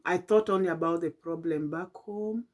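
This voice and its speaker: A middle-aged Kenyan woman telling a late-night personal vlog in a tired, halting, reflective way, with many fillers and restarts. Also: on the low side. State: tired and yawning. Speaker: vlogger.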